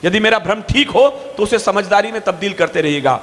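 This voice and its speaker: A man reciting his poetry on stage in a fiery, declaiming style, stretching his verse lines slowly. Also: sits high, lively intonation, a bit bright. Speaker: poet on stage. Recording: long hall reverb.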